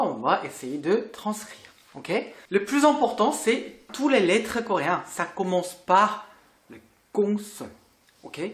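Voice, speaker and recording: Language tutor, unhurried and lively in pitch, recorded in a roomy echoing space. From South Korea. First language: Korean. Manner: patient, repeats sounds and checks in often. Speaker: language teacher. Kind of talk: online lesson. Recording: roomy echo.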